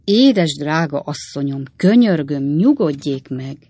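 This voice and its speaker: A woman voicing a sentimental middle-aged gentleman in a storybook reading, pleading and earnest. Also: low voice, dry recording. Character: fussy middle-aged gentleman, lovesick and dramatic.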